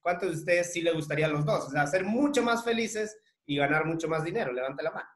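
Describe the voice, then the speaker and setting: A man's voice: on the high side, lively intonation, quick pace, reverberant. A man leads a coaching workshop in a rambling, conversational way, with many tag questions and filler words. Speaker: emotional coach leading a workshop. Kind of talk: conversational group talk.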